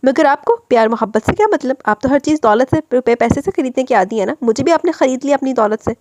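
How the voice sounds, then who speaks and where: A woman's voice: a little high, lively intonation, fast talker, a little mellow, no echo. A woman reading aloud, voicing a hurt, outspoken young wife, emotional and reproachful.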